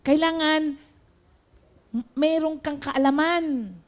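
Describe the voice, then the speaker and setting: High-voiced woman preaching casually. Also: fairly even intonation, takes it slowly. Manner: chatty, mixes in English, addresses listeners as brothers and sisters. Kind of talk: conversational sermon.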